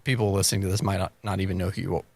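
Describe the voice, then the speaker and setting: Podcast host: man, low gravelly voice, dry close sound, encouraging. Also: steady tone, racing, dry recording. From United States. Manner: encouraging, many affirming mm-hmms. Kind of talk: casual podcast interview.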